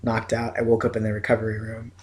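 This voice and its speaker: Lying in bed at home after surgery, a young man chats casually to the camera in a scratchy voice. He talks fast and monotone, his low voice a little mellow, and he's groggy and rambling, leaning on plenty of fillers.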